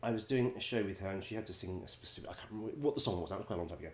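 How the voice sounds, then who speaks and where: Low-voiced man telling wry anecdotes. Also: very fast, darkish tone, reverberant. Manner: chatty, wry, laughs often, many ums. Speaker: musical director and vocal coach.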